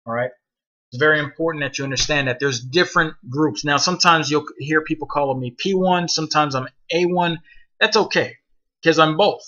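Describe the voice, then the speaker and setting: A man with a bright, forceful voice lays down the rules to new recruits, blunt and commanding, and he swears freely. His voice sits a little high and comes through dull, lo-fi voice-chat audio. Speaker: outfit leader training new members. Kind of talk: casual voice-chat instruction.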